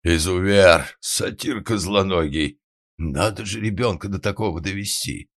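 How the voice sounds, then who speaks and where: A man voicing a huge, loud middle-aged lady who roars and then coos in baby talk. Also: on the low side, expressive, moderate pace, pitched above the performer's own voice. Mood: outraged.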